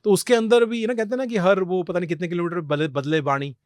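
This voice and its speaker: In a fast, high-sitting voice, this middle-aged Indian podcast guest tells animated stories in a conversational interview, regularly dropping English phrases into his Hindi. There's no room sound in the recording.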